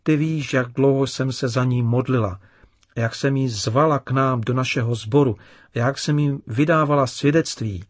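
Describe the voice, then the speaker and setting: A man voicing an upset young girl in a children's story, read with gentle emphasis. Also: mid-range voice, dry recording, lightly acted. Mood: pleading.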